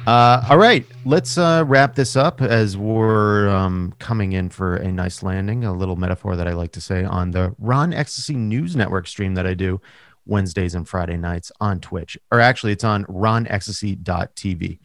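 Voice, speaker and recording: A man with a lowish voice co-hosting a podcast in loose, joking chat. He meanders through his points, stalling on fillers, and the sound is close and dry with no room behind it. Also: moderate pace, dry recording. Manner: rambling, lots of hesitations. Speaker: podcast co-host. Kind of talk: casual comedic chat.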